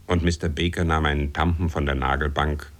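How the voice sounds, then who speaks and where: A man playing a steady, dutiful first mate in a 1970s radio drama, talking in clipped phrases. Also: a bass voice, fairly quick.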